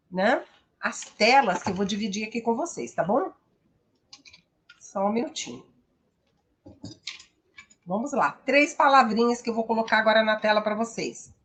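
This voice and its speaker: A Brazilian woman English teacher giving a live-streamed pronunciation lesson, explaining patiently and often checking in with her viewers. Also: fairly high pitch. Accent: Brazilian Portuguese.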